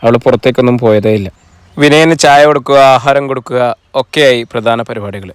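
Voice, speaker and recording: A man narrating a novel as an audiobook, in a steady, even storytelling delivery. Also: medium pitch, fairly quick, smooth, no echo.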